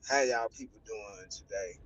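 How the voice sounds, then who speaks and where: A man's voice: fairly low pitch, moderate pace, fairly bright tone, husky, low-quality recording. A man with a Chicago accent hosting a casual early-morning live stream, giving loose, repetitive, preacher-like words of encouragement. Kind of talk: casual motivational live talk.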